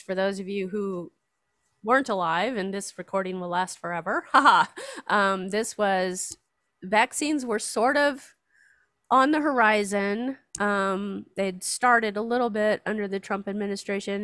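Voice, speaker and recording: A woman's voice: medium pitch, measured pace, a bit bright, clear, resonant tone, no echo, clean studio sound. An older woman, a writer and artist, chatting casually, laughing often and reading her own poem aloud. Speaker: writer and artist, show regular. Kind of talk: casual chat and poetry reading.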